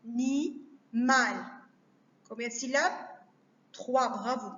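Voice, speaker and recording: A woman teacher giving a recorded lesson to young children, speaking slowly and carefully, repeating each word to break it down. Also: high-pitched, expressive. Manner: slow, careful, repeats words to spell them out. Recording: echoey room, dull lo-fi sound.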